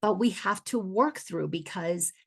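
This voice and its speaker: Gravelly-voiced woman from the Dominican Republic. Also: mid-range voice, a little slow, a bit bright. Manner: earnest, repeats words as she restarts. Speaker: awareness coach. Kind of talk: spiritual teaching talk.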